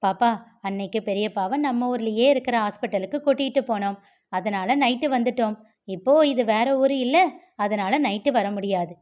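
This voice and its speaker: An earnest young mother, voiced by a woman reading a novel aloud, gentle yet firm as she persuades. Her voice sits mid-pitch for a woman. The audio is slightly dull and lo-fi. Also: moderate pace, lightly acted. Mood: soothing. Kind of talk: storybook character reading.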